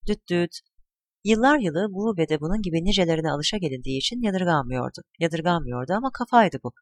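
A narrator reading a literary short story aloud, telling it in a measured way and shifting a little for each character's lines. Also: medium pitch, lively intonation, dry recording, clean studio sound. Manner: measured storytelling, voicing grandchildren and wife with small shifts.

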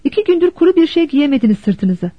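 A woman's voice: high-pitched, very animated, fast talker, no echo, voice pushed up. Woman reading as an urgent, commanding mother. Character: worried determined mother of a poor family. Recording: dull dry lo-fi recording.

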